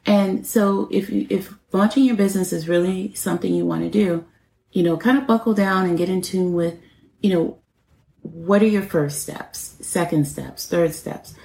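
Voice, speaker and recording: A woman's voice: on the low side, steady tone, moderate pace, vocal fry, dark tone. A woman in her forties hosting her own business podcast, talking in an encouraging, conversational way with many "you know" fillers. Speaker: podcast host and business coach. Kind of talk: motivational solo podcast talk. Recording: roomy echo.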